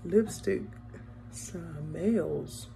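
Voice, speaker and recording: Doing her makeup on camera, a woman chats with her viewers in a casual vlog, addresses them as y'all and hums along as she works. She speaks very slowly in a lowish, gravelly voice, with background noise audible.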